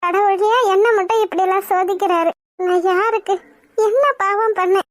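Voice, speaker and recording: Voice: very high-pitched, fairly even intonation, moderate pace, soft background music. A performer voicing a frightened, wronged young woman in a cartoon drama, lamenting in bewilderment. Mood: distressed.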